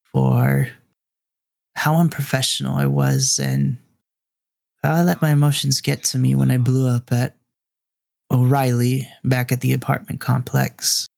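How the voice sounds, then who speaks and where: A man's voice: mid-range voice, creaky, darkish tone, dry recording. A man voicing a shaken, tough young woman. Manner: hesitant, halting, repeats words.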